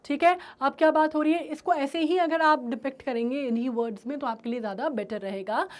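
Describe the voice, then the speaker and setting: An Indian woman with a high voice and Indian English accent teaches a poem in classroom style, moving between Hindi and English. She reads the lines slowly and keeps checking that students understand.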